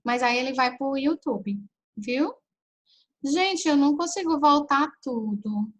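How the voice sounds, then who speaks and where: A woman with a somewhat high voice hosts a relaxed live chat. She answers viewers' questions and gives parenting advice, speaking right to her audience in a chatty, practical way. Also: takes it slowly, muffled recording. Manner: chatty and advice-giving, often addresses listeners directly. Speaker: parenting live-stream host.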